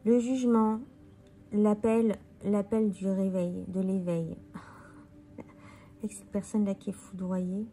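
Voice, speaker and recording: Slow, mellow-voiced tired woman. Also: mid-range voice, flat delivery, a little hiss or hum. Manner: musing, thinking aloud while turning cards. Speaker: tarot card reader presenting a deck. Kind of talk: casual deck walkthrough.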